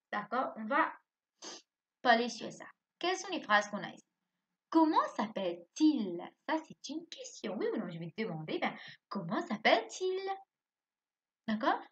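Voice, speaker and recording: A woman's voice: a little high, sharp tone, slightly rough. A woman teacher giving a recorded lesson to young children, asking questions and answering them herself and spelling words out letter by letter. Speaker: primary school teacher. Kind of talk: recorded remote class lesson. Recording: dull lo-fi recording.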